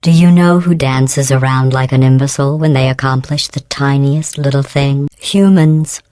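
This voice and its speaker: In scripted video game voice acting, a woman plays a passive-aggressive female AI running lab tests, deadpan and falsely polite with dry disdain. Robotic pitch-corrected processing gives her a synthetic cadence; she speaks at normal speed with no echo.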